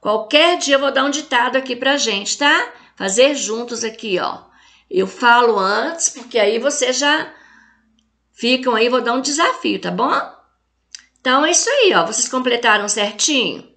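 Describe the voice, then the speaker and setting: A woman's voice: a little high, expressive, a little slow, bright, forceful tone. A woman teacher with a Brazilian Portuguese accent, taking children through a recorded lesson in a patient, encouraging way and checking in with the class as she goes. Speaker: primary school teacher.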